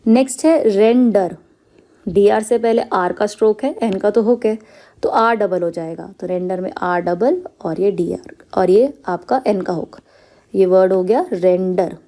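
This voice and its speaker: A woman's voice: medium pitch, unhurried, mellow. A woman teaching a step-by-step stenography lesson, explaining each shorthand rule patiently and checking often that her students follow, with English terms mixed into her talk. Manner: explains patiently, checks with frequent "clear?" and "okay".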